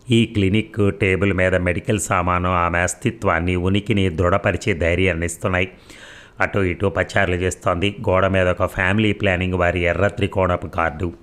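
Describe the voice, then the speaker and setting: A man calmly narrating a serialized story, reading a character's inner thoughts in a measured way. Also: low voice.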